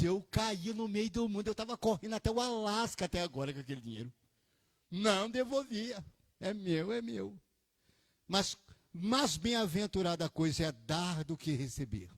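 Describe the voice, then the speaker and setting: Male pastor, high voice, animated storytelling sermon with swings from quiet to emphatic, dry close sound. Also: dry recording. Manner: animated preaching, swings from quiet asides to loud emphatic peaks. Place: church.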